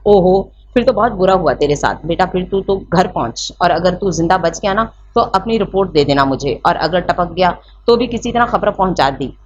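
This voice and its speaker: A woman reading the part of a young man who jokes and mocks his friend in a rapid rush, in an audio novel. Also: on the low side, animated. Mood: mocking. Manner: rapid, mocking. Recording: slightly muffled with faint hiss.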